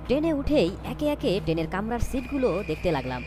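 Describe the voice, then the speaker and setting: With music playing behind her, a woman voices a young, anxious storyteller caught in eerie events, performing scripted narration and dialogue for a cartoon ghost story. She sounds dramatic, wondering and fearful, lightly acted, in a medium-pitched, sing-song voice at a slightly fast pace.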